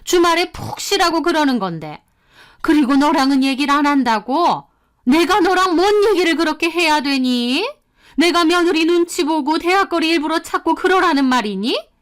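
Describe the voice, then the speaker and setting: A woman voicing a cold, older mother-in-law who scolds with indignant, sharp retorts. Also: sits high, measured pace, voice pushed up.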